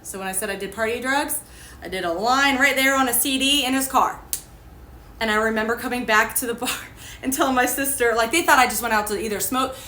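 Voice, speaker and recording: Brisk, bright and forceful, a slightly high female voice belongs to a young ministry host recounting her testimony in a candid, chatty way and laughing about who she used to be. The room is echoey with faint background ambience.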